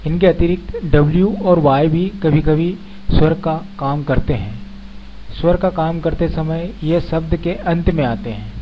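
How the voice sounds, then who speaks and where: Male teacher, fairly high voice, slow and careful delivery, dull lo-fi recording with faint hiss. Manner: explains step by step, repeating example words. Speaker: English teacher. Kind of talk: slow spoken grammar lesson.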